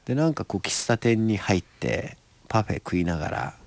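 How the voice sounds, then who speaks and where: A man's voice: lowish voice, very animated, normal speed, no echo. A man reading his own short story aloud and then chatting casually about how he wrote it, thinking aloud with restarts. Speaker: writer and podcast host.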